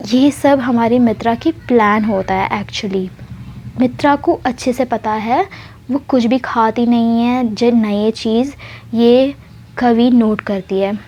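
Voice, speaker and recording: A woman's voice: on the high side, slow, a little mellow. Chatty woman telling a love story. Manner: chatty, mixing in English words. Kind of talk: casual spoken story narration.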